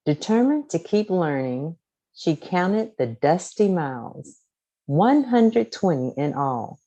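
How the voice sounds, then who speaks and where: In a low, mellow voice, a woman reads a scripted children's storybook aloud at an unhurried pace. She phrases each line deliberately and expressively for young listeners, her pitch rising and falling in a sing-song way. The recording has a lo-fi sound.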